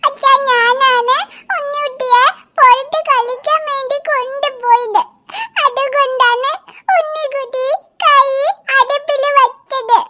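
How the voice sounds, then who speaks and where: Cartoon big sister, small girl, very high and bright childlike voice, earnest and soothing. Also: heavily acted. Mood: worried. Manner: earnest, soothing toward her baby brother. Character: little girl, caring older sister. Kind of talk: cartoon voice acting.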